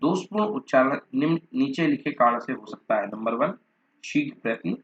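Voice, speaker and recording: A man's voice: medium pitch, animated, normal speed. A man teaching a lesson, reading notes aloud, listing terms one by one and sometimes repeating or correcting himself. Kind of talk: Hindi lecture reading from notes. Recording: dull lo-fi recording.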